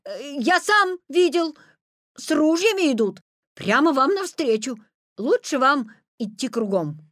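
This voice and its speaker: A woman voicing a bold, bossy young schoolboy in a storybook reading, shouting urgently. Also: fairly high pitch, sing-song, measured pace, no echo, studio quality, heavily acted. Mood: insistent.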